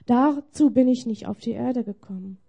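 A woman voicing a gentle, kind Jesus in a story she tells during a sermon, speaking softly and tenderly. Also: a little high, normal speed, gravelly, slightly rough, lo-fi sound.

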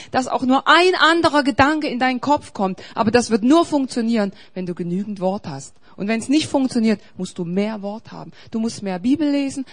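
A woman pastor preaches a sermon in a voice on the high side, swinging between loud, urgent exhortation and quiet, confiding storytelling.

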